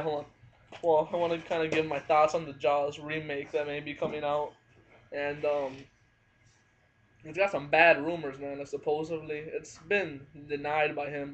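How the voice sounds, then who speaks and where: A man giving a casual spoken movie review at home, hesitant and full of fillers. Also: on the high side. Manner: hesitant, frequent fillers and hedging. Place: at home, family nearby. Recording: dull lo-fi home recording.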